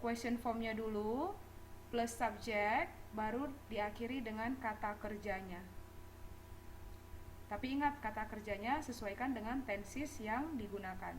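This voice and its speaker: A woman with a fairly high voice teaches a class, switching between Indonesian and English. She drills verb forms and pronunciation and laughs lightly along the way. A faint hiss sits behind her. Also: a little slow, low-quality recording. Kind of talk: classroom lecture.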